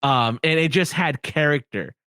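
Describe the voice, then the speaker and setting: Young male podcast guest, excitable and emphatic, slightly high voice, dry sound. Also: moderate pace, smooth, dry recording. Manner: animated and emphatic, laughs often. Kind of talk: casual podcast chat.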